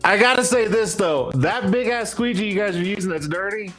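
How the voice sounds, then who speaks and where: A man's voice: high voice, lively intonation, a little fast, fairly bright tone, soft background music. A man in his mid-forties hosting a casual live stream, joking and laughing often. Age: 40s. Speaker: host.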